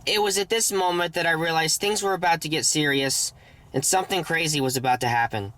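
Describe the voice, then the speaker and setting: A man's voice: on the high side, fairly quick, a bit bright. A man narrating a storm-chasing vlog in an earnest, solemn manner, in the style of a scripted voice-over. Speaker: storm chaser, video host.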